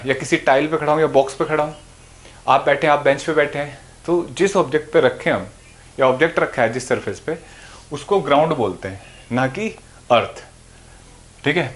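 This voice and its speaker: A man teaching physics to students, explaining patiently and answering his own questions as he goes. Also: fairly high pitch. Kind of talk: classroom lecture. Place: classroom or room with a board.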